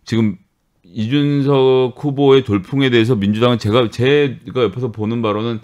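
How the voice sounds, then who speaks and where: A man's voice: mid-range voice, fairly even intonation, normal speed, darkish tone. A man in his forties on a radio panel, speaking bluntly with wry asides in a studio. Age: 40s. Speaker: political panelist.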